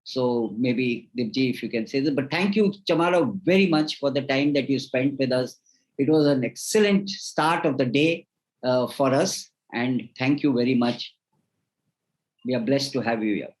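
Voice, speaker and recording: A man's voice: medium pitch, moderate pace, rough recording. A man, a host giving formal, effusive closing remarks with frequent restarts. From India.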